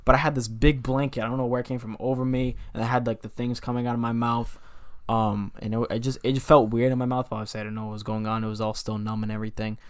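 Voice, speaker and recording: A man's voice: medium pitch, flat delivery, fast talker, clean tone, no room sound, studio quality. A young man co-hosting a podcast, telling a rambling story in casual chat, full of fillers and restarts. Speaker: podcast co-host.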